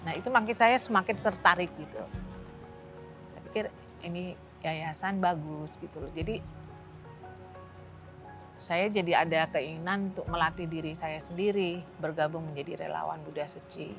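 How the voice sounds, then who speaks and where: A woman's voice: low voice, steady tone, normal speed, long pauses, faint music behind. Chatty woman in her fifties. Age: 50s. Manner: chatty, with soft laughs. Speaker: volunteer. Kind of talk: casual interview.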